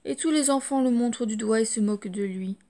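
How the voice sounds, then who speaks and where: A woman reading a children's storybook aloud, lively and expressive. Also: fairly high pitch, a little fast. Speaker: audiobook storyteller.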